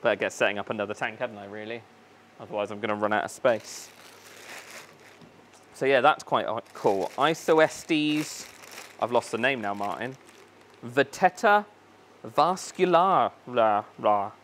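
A man's voice: on the low side, normal speed, long pauses, a bit bright, a little hiss or hum. A man hosting a casual unboxing vlog in his aquarium shop, chatty and enthusiastic, thinking aloud and tripping over plant names. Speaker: fish shop owner and video host.

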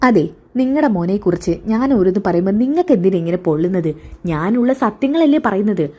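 A suspicious, defiant middle-aged mother who fires back sharp, probing retorts, as a woman reads her part in a storybook retelling. The voice is mellow and soft in tone and sits at a middling pitch. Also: animated, fairly quick, close to an everyday voice.

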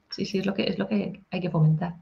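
Woman singer-songwriter, animated talk. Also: mid-range voice, gravelly. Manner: animated, sings short improvised snippets. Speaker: singer-songwriter and music teacher. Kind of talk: casual interview talk. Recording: dull lo-fi audio.

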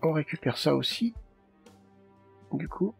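A man's voice: on the high side, expressive, measured pace, creaky, soft background music. A man giving casual let's play commentary, muttering and thinking aloud to himself.

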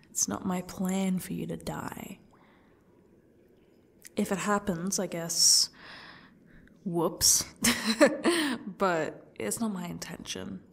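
A woman playing a smug, sadistic yandere stalker in a breathy ASMR role-play, talking to her captive in a taunting, condescending way. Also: fairly low pitch, fairly even intonation, exaggerated voice. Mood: smug, menacing. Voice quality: breathy, husky, dropping into speaks softly. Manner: slow, taunting, condescending, faux-gracious.

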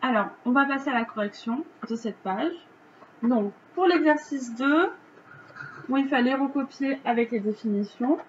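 A woman with a French accent, a teacher going through a reading lesson's answers for children in a slow, patient, step-by-step way. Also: high-pitched, lo-fi sound, slight background noise.

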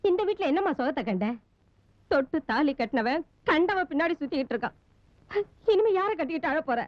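A woman's voice: high voice, animated, brisk, no echo. A fierce scolding mother. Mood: scornful. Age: middle-aged. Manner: sharp, scornful tirades. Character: fierce middle-aged mother, bitter and scolding. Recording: dull old film soundtrack.

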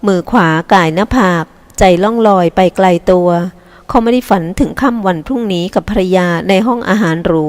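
A woman narrating a novel audiobook in a soft, even storytelling voice. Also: mid-range voice, brisk. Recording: long hall reverb.

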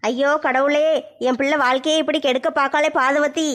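A woman's voice: high voice, level tone, fairly quick, fairly bright tone. A woman acting a village comedy sketch in a brash, mocking way. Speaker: comic sketch performer.

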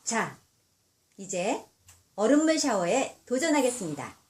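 A woman delivering a scripted personal message for a charity challenge, speaking politely and formally in short, measured phrases. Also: a little high, big pitch swings, a little mellow.

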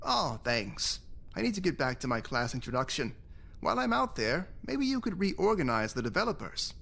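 A game's creepy photography teacher, all syrupy charm. His voice swoops up and down in a lively, sing-song way while staying smooth and ingratiating. Every friendly word sounds a little too pleased with itself. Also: fairly high pitch, normal speed, heavily acted. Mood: falsely cheerful. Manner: smooth, falsely chipper, ingratiating. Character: creepy overly cheerful male photography teacher. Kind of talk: video game voice acting.

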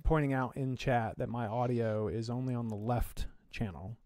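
A man talking in a loose, casual way, with his voice placed entirely in the left ear. He hesitates often and restarts his sentences, and his pitch sits in the middle for a man. He is co-hosting a live stream from his home office. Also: fairly even intonation, moderate pace, a little mellow, slight background noise. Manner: hesitant, with many fillers and restarts. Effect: audio heard in the left channel only. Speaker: co-host of a tech live stream. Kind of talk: casual chat.

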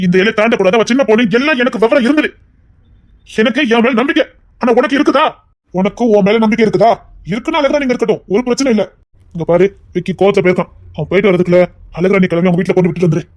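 A man's voice: sits high, rapid-fire, natural voice. A man with a Tirunelveli accent playing a stern elder brother who lectures his younger brother firmly in a family drama. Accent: Tirunelveli Tamil. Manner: firm, lecturing.

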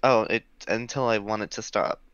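A woman's voice: extremely low pitch, moderate pace, no room sound, muffled recording. A woman playing a tabletop game, giggly and laughing often. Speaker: player. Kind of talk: casual tabletop game play.

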